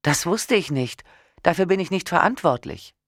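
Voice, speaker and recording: A man voicing a panicked wife trapped abroad, his voice pitched high, shrill and trembling, in an audiobook reading. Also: expressive, normal speed, a bit bright, no echo, studio quality, heavily acted. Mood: upset.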